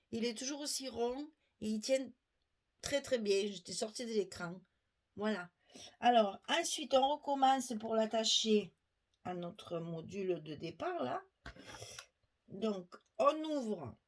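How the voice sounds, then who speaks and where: A middle-aged woman giving a step-by-step craft demonstration at her worktable, chatting to viewers as she works. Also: on the high side. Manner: chatty, explains while working, asides to viewers. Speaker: crafting tutorial host.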